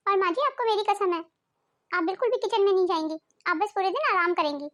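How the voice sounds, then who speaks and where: Cartoon: woman playing a sweet young daughter-in-law, very high voice. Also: quick pace, fairly bright tone. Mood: caring.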